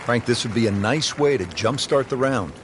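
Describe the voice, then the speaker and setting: A man voicing a calm golf play-by-play announcer in a video game, calling shots in a measured way. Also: medium pitch, noisy background, lightly acted. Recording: game audio with music and crowd.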